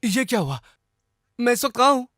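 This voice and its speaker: A smooth-talking young hero. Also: male voice, very high voice, sing-song, brisk, sharp tone, no room sound, studio quality, exaggerated voice. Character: cheeky young hero faking illness. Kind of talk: Hindi film dub. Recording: film soundtrack with music behind.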